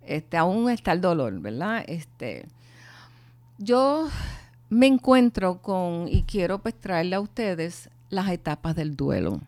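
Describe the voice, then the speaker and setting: A middle-aged woman speaking earnestly and from the heart, telling her own story of grief with pauses and restarts. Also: fairly low pitch, sing-song, a little mellow, dry recording. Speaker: bereaved mother sharing her testimony. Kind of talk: personal testimony and talk on grief.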